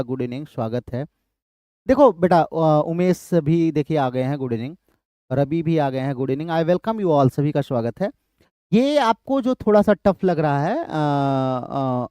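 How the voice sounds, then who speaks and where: Slow, deliberate male lecturer. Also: on the high side, warm tone, clear, resonant tone, no echo. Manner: slow, deliberate, repeats terms and greets students by name. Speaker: English literature teacher. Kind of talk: live online lecture in Hinglish.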